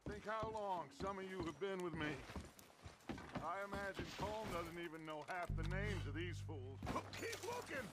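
High-pitched commanding outlaw gang leader. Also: male voice, very animated, normal speed, heavy background noise. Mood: scornful. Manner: commanding, declamatory. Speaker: gang leader character in a western game. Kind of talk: dramatic video game acting.

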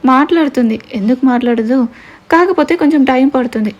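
A woman voicing a gentle, loving young father who speaks softly and soothingly. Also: high voice, brisk, dull audio. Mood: tender. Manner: soft, soothing, tender.

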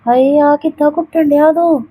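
Lady playing a tired put-upon aunt, kinda mellow and a bit high, weary and confiding. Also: steady tone, moderate pace, close to an everyday voice. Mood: relieved. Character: sickly, put-upon young aunt, gentle and complaining. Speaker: actor in a family drama. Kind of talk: amateur drama acting.

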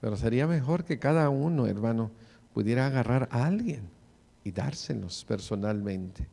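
Male preacher, 40s, mid-pitched, earnest sermon, church hall echo. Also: expressive, normal speed, gravelly, warm tone. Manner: preachy, calls listeners brother often. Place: church sanctuary, in front of the pulpit. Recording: long church reverb.

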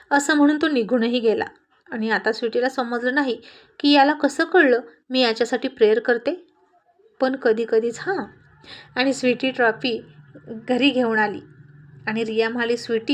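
A woman narrating a college love story and reading every character's lines herself. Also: sits high. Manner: reads all characters in the same voice. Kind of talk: storybook narration with acted dialogue.

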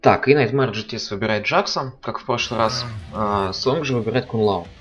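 A man's voice: lowish voice, brisk, muffled recording. A man giving live commentary on a fighting game stream, as a stream commentator. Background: game music and sound.

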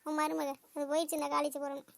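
A woman's voice: high voice, level tone, rapid-fire, vocal fry, dry recording. A woman voicing an ailing older mother-in-law in a home-made cartoon, plaintive and remorseful. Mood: tearful. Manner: plaintive, pleading tone.

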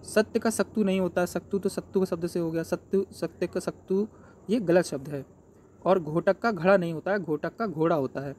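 A man with a high, mellow voice takes learners through an exam paper as their tutor. He asks each question out loud and then answers it himself, step by step. A faint hiss of noise sits under the recording. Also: a little fast.

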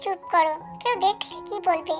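A woman voicing a timid young widow, soft and fearful. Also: very high-pitched, moderate pace, over music. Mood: shy.

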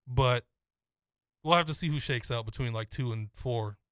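A young man talks college football picks in a steady, confident flow, laying out detail after detail. His voice is smooth and clear, recorded close and dry with no room sound. He sounds at an everyday middle pitch. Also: normal speed, dry recording. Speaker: co-host. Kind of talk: casual sports chat.

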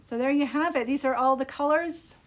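On a live shop stream, a Scottish woman in middle age talks fairly quickly in a high-pitched voice, presenting products in a casual, unscripted, appreciative way. A phone at arm's length picks her up in a small indoor room, with slight background noise.

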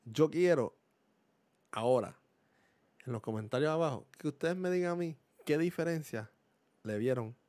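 A man with a Puerto Rican Spanish accent speaks in a higher, expressive, darkish voice at normal speed, pausing often. He's a gaming YouTuber reviewing a desk condenser mic at home, casually explaining its settings. He mixes in English words and keeps checking that the listener follows.

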